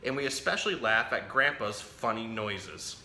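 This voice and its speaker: A man with a lowish voice hosts a children's storytime at a moderate pace, reading a picture book aloud playfully and expressively. He speaks directly to young listeners and chats with a pet parrot along the way. The audio has a roomy echo and faint background noise.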